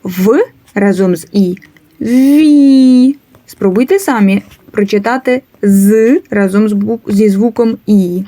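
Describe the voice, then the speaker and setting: A woman's voice: a little high, mellow. A woman teaching a letters lesson to young children, coaxing them with questions and waiting for answers. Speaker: kindergarten teacher.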